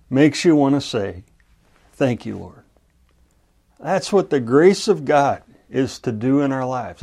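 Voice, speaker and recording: A male pastor preaching a radio Bible sermon, telling a story and acting out its exclamations. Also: medium pitch. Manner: storytelling with lively acted-out exclamations.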